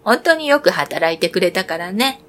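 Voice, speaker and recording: A woman voicing a stern old woman of a fairy tale in a storybook reading, slow and measured. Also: on the low side, big pitch swings, fairly bright tone.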